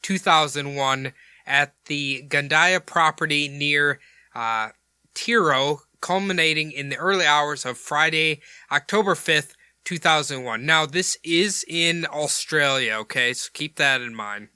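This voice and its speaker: Podcast guy rambling thru a case, jokey, very bright crisp voice. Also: on the high side, unhurried, no room sound, clean studio sound. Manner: rambling and jokey, with crude asides. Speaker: podcast host. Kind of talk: casual podcast chat and case retelling.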